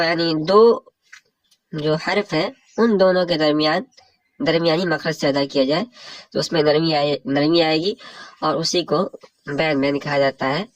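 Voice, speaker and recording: A man's voice: a little high, long pauses, no echo, rough recording. A man with a Pakistani Urdu accent teaching Arabic morphology in a religious lecture, explaining each rule step by step and glossing a set text.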